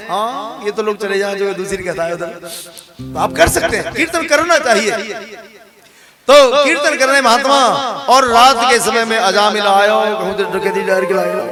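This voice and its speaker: A man giving a devotional sermon, animatedly telling a story and acting out its characters. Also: high voice. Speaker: religious storyteller.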